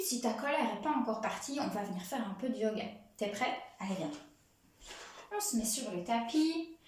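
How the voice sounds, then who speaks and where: A woman's voice: a little high, darkish tone, a little hiss or hum. A young adult woman teaching a playful yoga lesson to children, with a sing-song manner that speaks straight to the child. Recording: echoey room, voice from far off.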